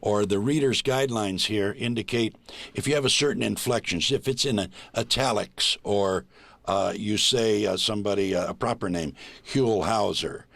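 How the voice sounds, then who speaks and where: A man who is a volunteer reader, chatting easily in an interview and often pausing to find his words. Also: fairly low pitch, creaky, fairly bright tone, dry recording. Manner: easygoing, halting with many pauses. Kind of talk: casual interview chat. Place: small recording booth.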